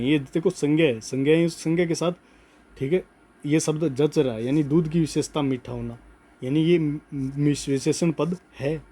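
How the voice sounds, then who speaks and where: A man teaching a grammar class, slowly dictating notes and repeating key words, often checking in with "okay". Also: fairly high pitch, warm tone. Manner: slow emphatic dictation, repeats words, frequent "ठीक है".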